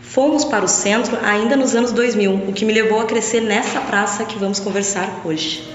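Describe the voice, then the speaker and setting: A woman's voice: mid-range voice, moderate pace, over music. A young woman from Brazil, a podcast guest, talking reflectively about her studies and often adding little tag questions. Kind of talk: casual interview talk. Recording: echoey long-reverb lo-fi room.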